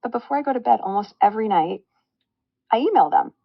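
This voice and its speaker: Heartfelt, reflective woman guest in casual chat; gravelly edge, dry close sound. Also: a little high, lively intonation, fast talker, dry recording, dull audio.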